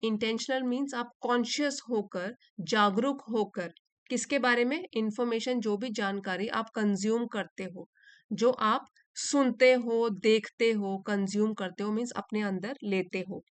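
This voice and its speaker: A woman teacher who reads each line slowly and clearly, then explains it patiently. Her voice sits a little high. The recording is close and dry, with no room echo. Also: steady tone. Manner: slow, careful reading of English lines, then patient explanation. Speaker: English teacher. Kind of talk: explaining an English reading passage in Hindi.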